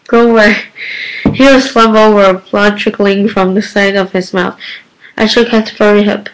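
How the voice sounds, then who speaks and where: A woman reads a novel aloud in first person, in a middle-pitched voice. It is an unpolished amateur reading, full of small slips and restarts that she fixes as she goes. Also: steady tone, normal speed, poor audio. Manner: stumbling, self-correcting amateur reading.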